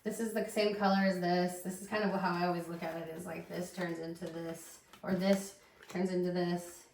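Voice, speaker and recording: A woman's voice: on the low side, level tone, normal speed, gravelly, darkish tone, echoey room, slight background noise. A woman giving a casual tarot reading, rambling and thinking aloud with lots of fillers. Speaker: tarot reader.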